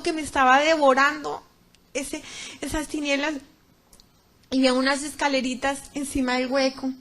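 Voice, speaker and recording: Woman, Colombian accent, middle-aged, high voice, religious testimony, dramatic, fervent, loud cries and hushed tones. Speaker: testimony speaker.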